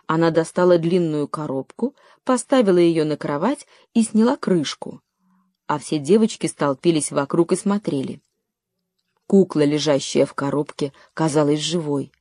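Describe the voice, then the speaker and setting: Audiobook narrator: woman, lowish mellow voice, steady read, dry studio sound. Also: no echo. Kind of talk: scripted narration.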